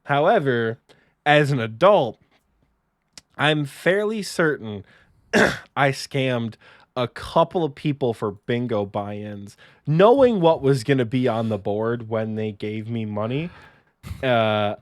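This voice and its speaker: Podcast co-host, male, mid pitch, rambling self-deprecating storyteller, dry close mic. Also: expressive, slow, no room sound. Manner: rambling, many fillers and restarts, self-mocking. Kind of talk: casual storytelling chat.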